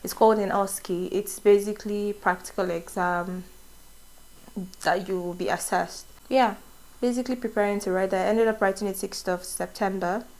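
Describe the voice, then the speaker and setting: A young adult woman with a Nigerian accent, not a native English speaker, chats casually in a get-to-know-me vlog, laughing often and drifting into asides. Her voice is mid-range and darkish, with fairly even intonation and a moderate pace. The audio quality is poor.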